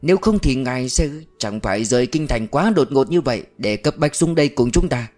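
A man voicing a thin, grey-haired older male official who speaks slowly and sadly, in an audiobook reading. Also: mid-range voice, animated, darkish tone, soft background music, natural voice. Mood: somber. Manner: slow, sad, measured.

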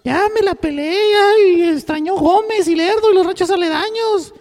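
A woman's voice: very high-pitched, normal speed, a little mellow. A woman with a Mexican accent telling a crude, profane comic story on the radio, rambling and full of slang. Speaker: on-air storyteller. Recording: reverberant studio with faint music.

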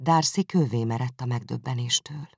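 A man reading a novel aloud as narrator, measured and even. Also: mid-range voice, gravelly, husky, no room sound, clean studio sound. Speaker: audiobook reader. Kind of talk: scripted narration.

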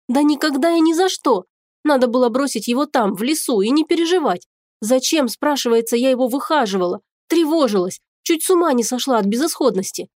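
A woman's voice: a little high, a little mellow, no echo, clean studio sound. A woman reading a first-person fantasy audiobook with an emotional, indignant storytelling manner. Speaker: audiobook narrator.

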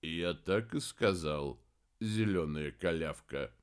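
A man doing a slow, deep, mumbling giant creature. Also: smooth. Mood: calm, mumbling. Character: huge many-eyed male creature, calm and mumbling.

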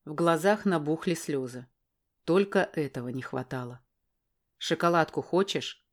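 Woman audiobook narrator, fairly low voice, brisk, wry, first-person storytelling. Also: animated, a little mellow.

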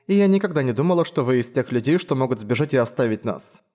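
A man's voice: medium pitch, lively intonation, fast talker, dark tone, natural voice. A man voicing a young actress who talks sweetly with a mock-apologetic edge.

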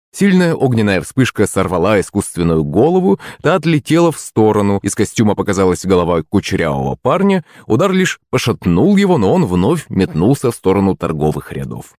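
A male audiobook narrator with a lowish voice that moves freely and expressively through the story. The sound is dry and close, with no room around it. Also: dry recording. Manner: animated storytelling. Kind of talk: scripted narration.

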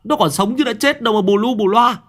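A gruff, short-fused village father barks scoldings in a low, rough voice, as a male storyteller plays him. He snaps and curses, his delivery rising and falling sharply. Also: huge pitch swings, moderate pace, fairly bright tone, exaggerated voice. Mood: angry scolding. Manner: barking, scolding, coarse. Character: gruff hot-tempered village father, cursing.

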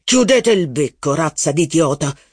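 A man's voice: a little high, big pitch swings, a little mellow, slightly rough, dry recording, studio quality. A man reading the lines of a blustering, self-centered aristocratic duke in an audiobook. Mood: angry. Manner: blustering, quick to temper.

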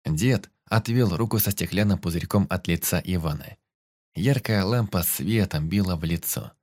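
A man reads a tense story aloud in a very deep, low voice, keeping a steady, measured narration. The delivery stays even as he describes the scenes. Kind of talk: audiobook narration.

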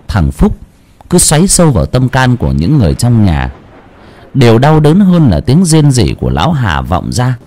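A man narrating a horror story in a slow, brooding, expressive way. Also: mid-range voice.

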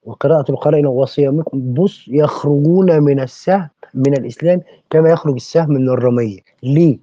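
Fast, husky Egyptian man preaching. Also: fairly high pitch, warm tone, no echo. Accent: Egyptian Arabic. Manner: preachy, fires rhetorical questions. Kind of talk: impassioned podcast discussion. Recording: dull lo-fi recording.

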